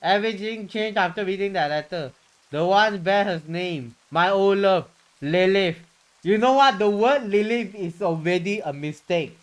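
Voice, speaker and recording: A game streamer speaks at normal speed in a high-pitched voice on a low-quality recording backed by music. Hosting a casual livestream, he reads the story aloud dramatically and chats informally, with occasional mild swearing.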